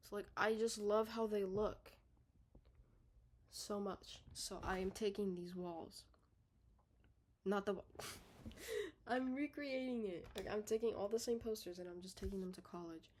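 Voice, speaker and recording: A young woman in her own bedroom, rambling in a casual, unedited video diary. She is out of breath, swears casually, corrects herself often and lets her sentences trail off softly. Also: medium pitch, unhurried, pauses often, slight background noise. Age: young adult. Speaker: vlogger.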